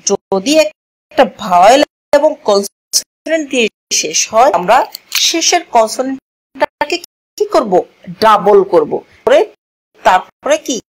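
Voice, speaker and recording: A woman teacher with a Bangladeshi accent speaks in a slightly high voice. She talks at a very slow, deliberate pace, putting questions to the class and answering them herself. She slips English grammar terms into her explanations. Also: expressive, low-quality recording. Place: classroom at a board.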